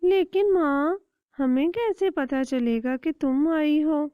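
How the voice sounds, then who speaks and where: A woman voicing a small, clever chick in a cartoon story, speaking in a high, insistent piping voice. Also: no echo, natural voice. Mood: asking. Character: small clever little chick, sharp and brave. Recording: dry, dull lo-fi recording.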